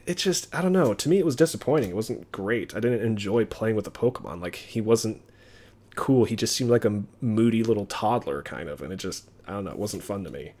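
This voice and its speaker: A man streaming himself opening trading card packs, chatting casually and getting excited over his pulls. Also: fairly low pitch, a little fast. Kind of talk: casual live-stream commentary.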